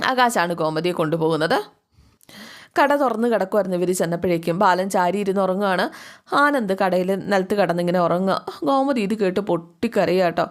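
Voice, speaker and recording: A woman's voice: mid-range voice, animated, brisk. A woman casually recapping a TV serial episode, chatty and addressing the listener directly. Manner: chatty, adds tag words to the listener. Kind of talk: casual spoken story recap.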